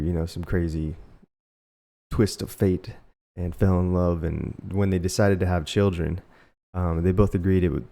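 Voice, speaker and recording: A young man, a singer-songwriter raised in Alaska and Costa Rica, casually telling a reflective story to camera with pauses and fillers. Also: sits low, warm tone.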